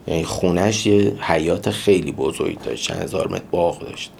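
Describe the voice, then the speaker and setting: Man, podcast monologue, reflective, earnest, gravelly low voice. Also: fairly even intonation, a little mellow, slight background noise. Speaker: podcast host. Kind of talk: personal storytelling monologue.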